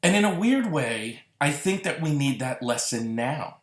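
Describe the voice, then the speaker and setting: Reflective and earnest, a Massachusetts podcast host talks alone on his show, lingering over words he repeats. He speaks a little slowly, with a higher-pitched voice and big pitch swings, and the room gives off a noticeable echo.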